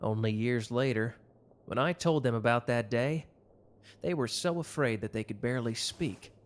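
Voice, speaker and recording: A man plays a tender young mafia protector for an intimate ASMR roleplay, his voice soft, close and middling in pitch. He sounds earnest and reassuring, with a natural voice at a moderate pace.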